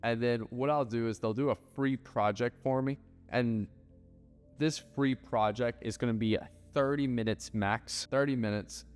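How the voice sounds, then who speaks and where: A man's voice: medium pitch, steady tone, normal speed, a little mellow, clear, resonant tone. A man giving casual business advice, blunt and loose, with lots of filler words and the odd swear. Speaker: ad agency owner. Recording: hall reverb with faint music.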